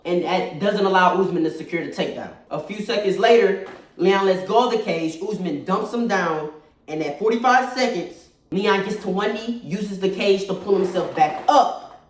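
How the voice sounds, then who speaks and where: Someone breaking down a fight, casual and emphatic, super echoey like a big empty space, bit far from the mic. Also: medium pitch. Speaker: combat sports commentator. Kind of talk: casual fight-analysis commentary. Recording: very echoey room, distant mic.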